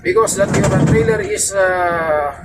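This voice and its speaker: Man putting on a bossy shouting foreign boss. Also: high-pitched, slow pace, pitched above the performer's own voice. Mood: insistent. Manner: broken English, bossy, raised voice. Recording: distant mic, noisy surroundings.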